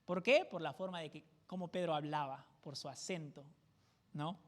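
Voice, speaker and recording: A pastor from Peru, a man with a fairly high voice and a Peruvian jungle (selva) Spanish accent, leads a Bible study, teaching scripture verse by verse. He speaks conversationally and keeps throwing quick check-in questions to the congregation. A long, echoey church-hall reverb hangs over the sound.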